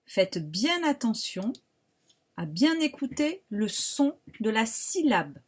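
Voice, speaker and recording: A primary school teacher with a French accent leads a remote phonics lesson, dictating syllables slowly and patiently and sounding each one out with care. Her voice is on the high side, sing-song, with a breathy edge.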